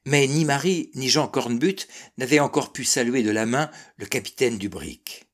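A man narrating a classic seafaring novel as an audiobook, measured and expressive. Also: medium pitch. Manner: measured, expressive reading that darkens and softens in sad passages.

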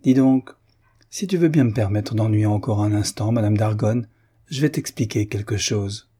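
A man reading aloud and voicing a spirited, quick-tempered young society woman who teases and flares up. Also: lowish voice, dark tone, husky. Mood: teasing. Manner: teasing, then indignant outbursts. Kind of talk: audiobook character voice.

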